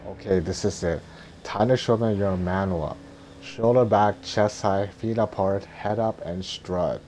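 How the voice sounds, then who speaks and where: A man voicing a boastful, bossy little dragon guardian from an animated film script, with blustering, stumbling delivery. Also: sits low, measured pace. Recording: noticeable background noise.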